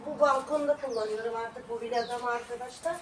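On her balcony at home, a female vlogger chats casually as she narrates her chores. She talks a little fast in a steady, somewhat high voice, captured by a far-off microphone in an echoey, noisy recording.

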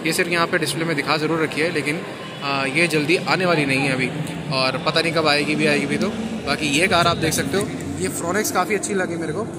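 A man's voice: fairly high pitch, steady tone, quick pace, heavy background noise. A man giving a casual, chatty walkaround of new cars at an auto show, talking straight to his viewers. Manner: chatty, informal, addresses viewers as brother. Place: busy indoor auto expo hall. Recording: loud crowd ambience behind the voice.

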